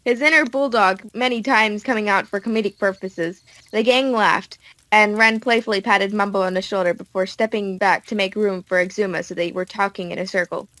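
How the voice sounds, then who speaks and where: A woman narrating an audiobook in a steady storytelling manner. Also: medium pitch, fairly quick, no echo, poor audio.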